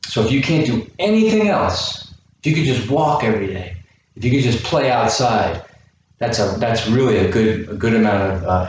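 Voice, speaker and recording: A man leading a home workout class for kids, counting reps aloud and asking encouraging questions. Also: fairly low pitch. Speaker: youth fitness coach. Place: indoor room with a chair. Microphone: camera microphone from a distance. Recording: very echoey room, distant mic, faint noise.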